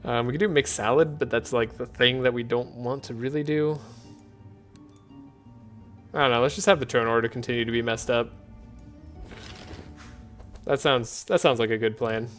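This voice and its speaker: A man streaming a card game, talking in a soft, relaxed, sleepy way with frequent chuckles. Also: mid-range voice, normal speed, long pauses, faint music behind. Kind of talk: relaxed gameplay commentary.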